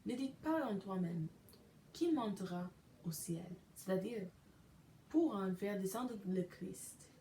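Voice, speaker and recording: A woman hosting a podcast, reading scripture aloud slowly and carefully from her bedroom, sometimes correcting herself. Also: medium pitch, expressive, dark tone, a little hiss or hum. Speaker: podcast host reading a daily devotional. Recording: echoey room recording.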